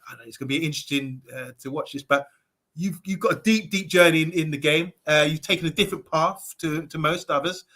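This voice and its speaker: A man's voice: a little high, brisk, bright, forceful tone. A man hosting a football interview channel, introducing his guest in a hesitant way with frequent fillers. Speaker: host.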